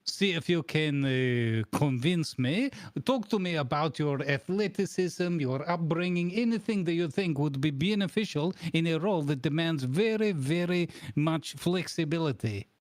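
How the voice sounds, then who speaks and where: Man acting bossy job interviewer, deadpan, mock-formal, deliberate, slightly high voice, close dry recording, improvised comedy. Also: dry recording, natural voice. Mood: mock-formal, probing. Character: deadpan, bossy male boss interviewing absurd job candidates. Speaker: stream host playing interviewer. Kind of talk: improvised comedy role-play.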